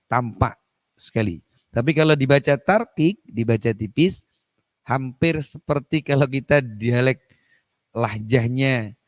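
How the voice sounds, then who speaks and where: A man teaching a recitation lesson at an unhurried, deliberate pace. He says each pronunciation example again and again as he explains it. His voice is mid-pitched and dry, close to the mic with almost no room sound. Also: no echo. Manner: slow, repeats examples to demonstrate pronunciation; mixes Javanese politeness words into his speech. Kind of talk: tajwid lesson with chanted recitation. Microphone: online session microphone.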